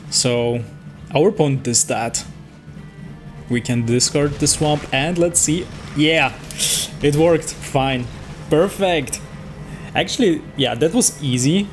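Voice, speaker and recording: A man with a higher-than-average voice talks slowly and pauses often while hosting casual play-by-play of a digital card game. He thinks out loud, weighing moves somewhat hesitantly, with music in the background.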